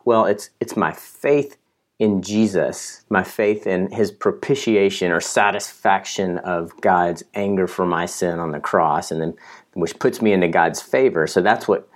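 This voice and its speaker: A man co-hosting a podcast, talking through a Bible passage in a casual, reflective, self-deprecating way with frequent restarts. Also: fairly low pitch. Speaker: podcast co-host. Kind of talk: casual Bible study discussion.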